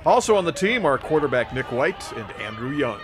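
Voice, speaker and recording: A man's voice: medium pitch, big pitch swings, a little fast, crowd noise. A man narrating scripted local sports news as a reporter.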